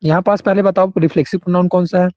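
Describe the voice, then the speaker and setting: A man's voice: sits high, steady tone, rapid-fire, no echo, lo-fi sound. A male English grammar teacher, explaining rules in an online class and often checking in with students by name.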